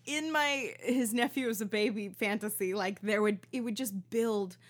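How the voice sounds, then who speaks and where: A woman's voice: mid-range voice, moderate pace. Laughing woman podcast co-host. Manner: laughs easily, excited, riffs on jokes. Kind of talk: casual chat.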